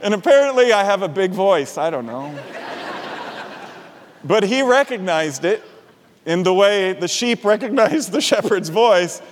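In a reverberant hall, a middle-aged man gives a sermon built around a personal story, chuckling frequently as he animatedly tells it. His voice sits high, and he speaks at a measured pace with frequent pauses.

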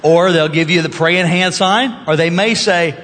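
A man preaching a sermon as pastor, talking in a lively, conversational way with humor and rising emphasis. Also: a little high, moderate pace. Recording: reverberant hall.

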